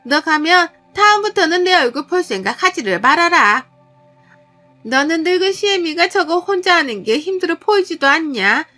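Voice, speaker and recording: A woman voicing a domineering older mother-in-law who berates her daughter-in-law with shrill contempt. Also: expressive, normal speed, bright, forceful tone, soft background music, full character voice. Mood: scolding.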